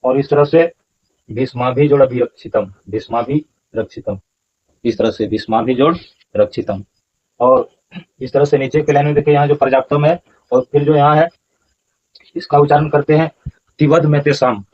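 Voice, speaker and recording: A man's voice: mid-range voice, fairly even intonation, normal speed, long pauses, dull audio, slight background noise. A man explaining scripture verses as a teacher, patiently repeating pronunciations syllable by syllable. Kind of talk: explanatory lesson.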